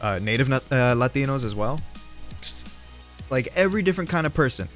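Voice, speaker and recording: A young male streamer chats casually with his viewers on a livestream, reading their messages aloud while rambling, laughing a lot and swearing freely. His mid-pitched voice is animated, brisk and slightly bright, and faint music plays in the background.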